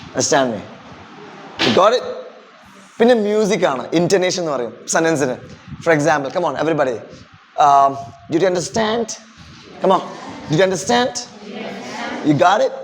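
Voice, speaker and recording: A man in his thirties with a Kerala accent leads an animated classroom lesson. His voice sits a little high and he talks slowly, stopping often to have the class repeat phrases back to him. Faint background noise fills the room. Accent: Kerala English. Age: 30s. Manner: animated, drills pronunciation and asks the class to repeat. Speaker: English teacher training teachers. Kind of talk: classroom lesson, mixing Malayalam and English.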